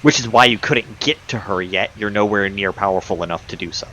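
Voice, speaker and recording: A man running a tabletop game as game master, improvising narration and pausing to search for words. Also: lowish voice, pushed and bright, rough recording. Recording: clear background noise.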